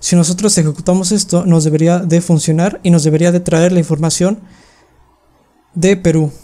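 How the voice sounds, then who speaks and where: Young adult webinar presenter, mellow tone, patient step-by-step explainer on a call mic. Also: medium pitch, fairly even intonation. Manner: explains step by step with frequent "em" pauses. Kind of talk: screen-share coding tutorial. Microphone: computer mic on a video call.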